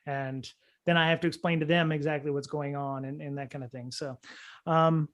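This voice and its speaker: A man's voice: on the high side, steady tone, moderate pace. A man hosting a security podcast, talking casually and rambling with many fillers and restarts. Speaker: podcast host.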